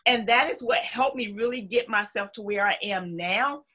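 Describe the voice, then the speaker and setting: Bright-voiced Southern American woman. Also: mid-range voice, moderate pace. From North Carolina, southern United States. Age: middle-aged. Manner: emphatic, with folksy asides. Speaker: interview guest. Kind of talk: conversational personal storytelling.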